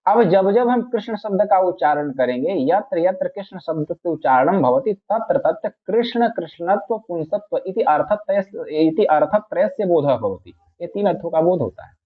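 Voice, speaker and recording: A man's voice: high voice, lively intonation, moderate pace, few pauses. A man teaching grammar in a patient lecture, repeating each point and reciting classical phrases. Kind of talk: explanatory lecture. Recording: tinny phone-like audio.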